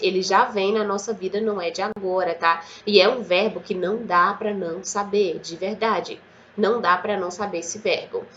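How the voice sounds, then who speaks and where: A woman with a Brazilian Portuguese accent teaches English in a casual, lively manner. She slows down and repeats words for her learners in a bright, forceful voice. The recording sounds a little dull and muffled. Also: medium pitch. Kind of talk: casual online English lesson.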